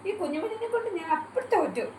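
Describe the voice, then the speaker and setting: A high-voiced woman scolds a small child at home with mock-stern, teasing threats, asking the same questions again and again. Her voice comes from some way off the mic, in an echoey room with steady noise behind. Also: fast, recorded from a distance. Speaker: mother.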